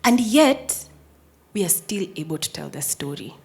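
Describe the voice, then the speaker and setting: A Kenyan English-speaking prosecutor in her thirties narrates a personal story to listeners in a fairly low, creaky, husky voice, a little slow, with big pitch swings. She's strong and firm, moving from hushed near-whispers to loud, emphatic lines.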